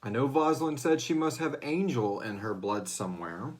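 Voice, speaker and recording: Here the serial drama Q&A host sounds animated, with a mid-range voice at a normal speed. The livestream is casual and unscripted; he rambles, hesitates over his phrasing, and throws in slang and profanity.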